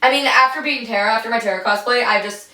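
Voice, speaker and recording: A woman's voice: a little high, quick pace, far from the mic, noisy background. Giggly young woman in an echoey bathroom. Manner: rambling, giggly, slangy. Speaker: podcast co-host. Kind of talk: casual chat. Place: bathroom, sitting in a bathtub.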